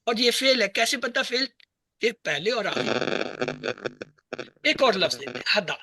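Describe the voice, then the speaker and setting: A man teaching Arabic verb grammar to a class, asking questions and answering them himself, and spelling out letters and words slowly. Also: sits high, very animated, bright, forceful tone, dry recording. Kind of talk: classroom lesson.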